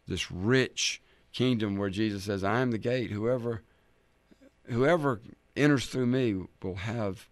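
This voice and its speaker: A man preaching a sermon, swinging from loud dramatic scripture readings to soft near-whispers and speaking to listeners as friends. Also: fairly low pitch, no room sound. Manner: addresses listeners directly as friends.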